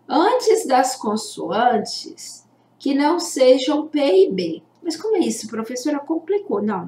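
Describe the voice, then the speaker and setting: A woman teacher giving a children's literacy lesson, drawing out syllables slowly and deliberately. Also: on the high side, a little mellow. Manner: slow, deliberate, stretches out syllables for young learners. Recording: echoey room.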